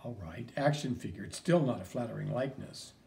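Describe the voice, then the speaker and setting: A man's voice: mid-range voice, expressive, brisk, vocal fry, a little mellow, pitched below the performer's own voice. A man reading an audiobook, voicing an earnest heroic cartoon mouse superhero who talks with urgency and a touch of wounded pride. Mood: miffed.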